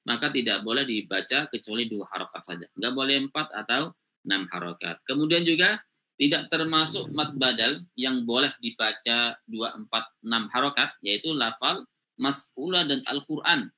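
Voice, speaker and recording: A man's voice: medium pitch, sharp tone. A man teaching Quran recitation rules in an online class, explaining step by step with frequent "ya" and "gitu ya" checks.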